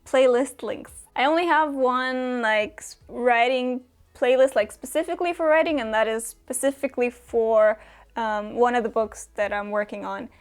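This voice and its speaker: A woman's voice: fairly high pitch, moderate pace, clean tone. Chatty young woman from Romania. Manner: chatty, frequent fillers and small laughs. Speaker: booktuber answering viewer questions. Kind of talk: casual chat.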